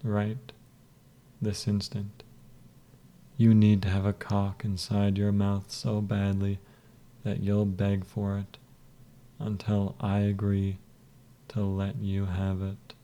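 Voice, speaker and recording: A man voicing a cruel, scheming male hypnotist who speaks slowly and softly in a commanding way. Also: lowish voice, completely flat delivery. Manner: slow, soft, commanding.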